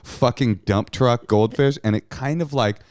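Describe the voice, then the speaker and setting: A man's voice: medium pitch, unhurried, darkish tone, dry recording, studio quality. A man co-hosting a podcast, telling stories casually with wry comedy and acted-out quotes. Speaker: podcast co-host. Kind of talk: casual comedic storytelling and banter.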